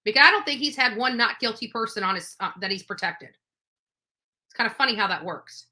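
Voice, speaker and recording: Expressive and a little high, this woman's voice moves at normal speed with a sharp edge. Giving unscripted livestream commentary on true crime, she is opinionated, emphatic, and accusatory, repeating phrases to add force.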